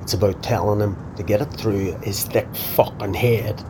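An actor playing a domineering, foul-mouthed crime boss who gives clipped, threatening commands in a naturalistic drama. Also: male voice, fairly even intonation, normal speed, close to an everyday voice. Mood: cold, threatening. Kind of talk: naturalistic screen drama acting. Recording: noisy, rumbling car interior ambience.

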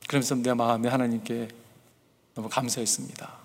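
A man's voice: medium pitch, little pitch movement, brisk, gravelly, long reverb tail. A man preaching as a pastor. He speaks earnestly and keeps turning to the congregation with questions. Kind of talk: sermon.

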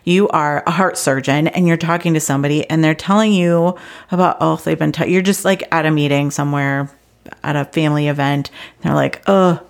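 A woman's voice: sits low, fairly quick, vocal fry. A middle-aged woman hosting a solo podcast for travel agents, talking earnestly and with growing intensity before reining herself in. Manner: earnest and animated, gets intense then reins herself in. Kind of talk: casual solo podcast talk.

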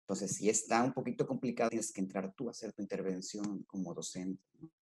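A man's voice: on the low side, fairly quick, a little mellow. A man with a Mexican Spanish accent, a schoolteacher explaining his work in a casual interview, talking with many fillers and restarts. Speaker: rural schoolteacher, guest.

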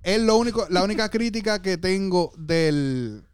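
A man's voice: sits high, lively intonation, normal speed, clean tone, no echo. A young man with a Puerto Rican accent, hosting a casual podcast and arguing bluntly, with teasing profanity. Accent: Puerto Rican Spanish. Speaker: podcast host.

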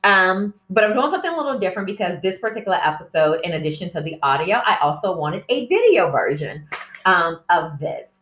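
A woman hosts a casual, candid solo podcast, rambling and easily sidetracked, with a lowish voice, big pitch swings, and a fairly quick pace. She's recorded by a cell phone set at a distance in an indoor room with plants. The room is echoey and the distant phone mic makes the sound dull.

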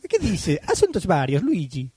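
A man co-hosting a podcast, laughing and joking as he reads mail. His voice sits high and swings widely, and the close mic keeps it dry. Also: slightly rough, dry recording. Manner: joking, laughs often, fast excitable delivery. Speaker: podcast co-host reading listener mail. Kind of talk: casual comedic podcast banter.

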